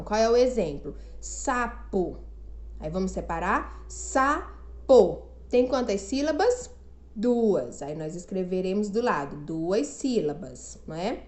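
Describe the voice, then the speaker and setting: A woman's voice: fairly high pitch, darkish tone, reverberant. A woman from Brazil teaching a remote lesson to children, stretching out syllables and often asking "não é mesmo?". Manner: slow, drawn-out syllables, frequent "não é mesmo?".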